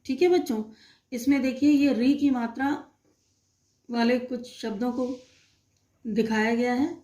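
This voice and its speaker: A woman teacher slowly and patiently explaining a Hindi phonics lesson to young children, asking them questions as she goes. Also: sits high, dark tone. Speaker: primary school teacher.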